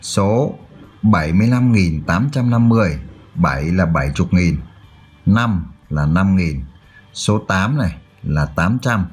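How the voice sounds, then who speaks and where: Deep husky guy teaching kids math, slow and patient, faint music under it. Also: lively intonation. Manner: checks in often with "được chưa?". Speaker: math tutor. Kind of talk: explaining a math exercise.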